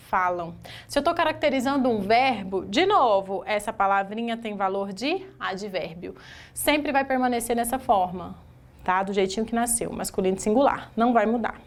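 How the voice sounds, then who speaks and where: Brazilian woman teaching grammar, higher voice. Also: expressive, moderate pace. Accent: Brazilian Portuguese. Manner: explains word by word, asks the class rhetorical questions. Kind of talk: exam-prep grammar lesson.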